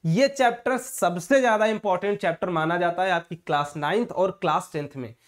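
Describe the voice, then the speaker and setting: A man's voice: high voice, a little fast. A male physics teacher giving an online exam-prep lesson, casually calling students brother and asking rhetorical check-in questions as he explains. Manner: mixes English terms into Hindi explanation.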